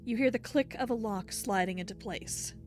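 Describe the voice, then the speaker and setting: A woman reading as a stern, insistent narrator of a dark storybook video game. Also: mid-range voice, moderate pace, soft background music, natural voice. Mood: ominous. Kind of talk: dramatic video game narration read aloud.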